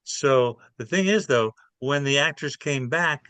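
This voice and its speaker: Animated bright-voiced man telling stories. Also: medium pitch, measured pace, clear, resonant tone. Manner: animated, acts out his characters' voices. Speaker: guest, playwright. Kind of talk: casual interview storytelling.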